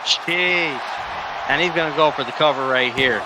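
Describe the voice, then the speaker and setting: A man working as an excitable wrestling commentator, calling the match live and reacting to each move. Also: a little high, moderate pace. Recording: loud event crowd and noise. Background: crowd and arena noise.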